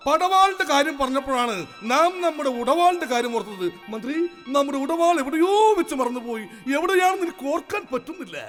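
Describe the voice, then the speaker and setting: A man's voice: very high-pitched, expressive, fast talker, a bit bright, long reverb tail, faint music behind. A man on stage playing a pompous, peevish king in a comedy skit, blustering and making puns. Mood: bossy. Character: pompous, silly, whiny male king.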